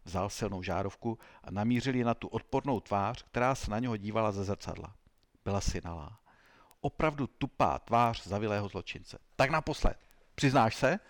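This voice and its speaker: A man narrating a comic story in a wry, measured way. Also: fairly low pitch.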